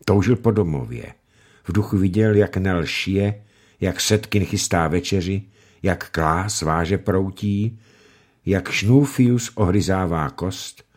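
Deep husky male storyteller. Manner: expressive storytelling. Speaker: narrator. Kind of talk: audiobook reading.

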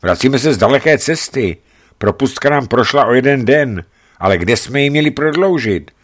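A man voicing an exasperated male traveler who protests loudly to border officials. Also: medium pitch, expressive, pitched above the performer's own voice, close to an everyday voice. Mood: indignant. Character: René, male traveler, indignant and insistent.

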